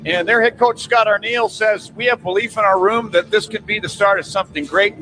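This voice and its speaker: A male play-by-play broadcaster hosting a hockey pregame radio show from an arena booth, reading sponsor lines briskly. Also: sits high, steady tone, sharp tone, soft background music. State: recovering from lost voice after a cold. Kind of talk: pregame sports radio talk. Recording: noisy arena radio feed.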